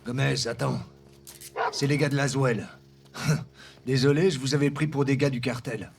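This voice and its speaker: An actor playing an apologetic, easygoing police officer in a video game. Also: male voice, mid-range voice, steady tone, a little slow, creaky, recorded from a distance, noisy background. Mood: relieved.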